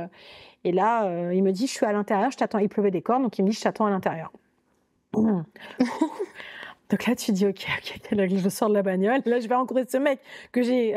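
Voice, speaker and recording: Chatty woman telling a dating story. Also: mid-range voice. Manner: lively, chatty, many fillers and quoted inner thoughts. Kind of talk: casual podcast storytelling.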